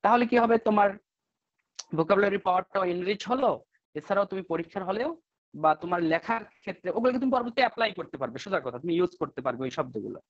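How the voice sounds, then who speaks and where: A man's voice: sits high, lively intonation, no room sound. Man teaching an online class, dull audio. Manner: coaxing, checks in with rhetorical questions; slows down to spell out example sentences. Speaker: English teacher.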